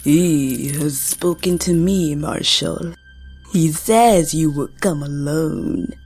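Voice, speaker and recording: A devil-serving woman in a radio play, cold and gloating, lowish, very slow. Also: darkish tone, breathy edge, faint music behind, heavily acted. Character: menacing woman servant of Satan. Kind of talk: radio drama acting.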